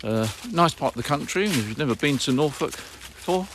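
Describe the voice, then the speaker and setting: A British man working as an amateur radio operator and vlogger, talking casually and repeating key details in an unhurried way. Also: a little high, expressive, noisy background. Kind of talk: casual radio contacts and commentary to viewers.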